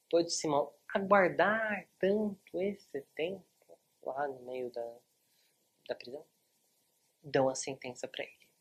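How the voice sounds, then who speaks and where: A literature teacher with a Brazilian accent gives a chatty, informal online lesson and speaks directly to the viewers. The voice is husky and slightly breathy. The delivery is relaxed, conversational storytelling. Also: medium pitch, unhurried, long pauses. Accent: Brazilian Portuguese. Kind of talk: casual online lesson, retelling a novel.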